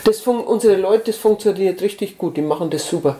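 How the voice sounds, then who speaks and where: A woman's voice: mid-range voice, brisk. Chatty woman in her sixties. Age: 60s. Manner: chatty, lively, affirming with "ne?". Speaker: volunteer with a senior association. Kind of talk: casual interview talk. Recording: echoey room.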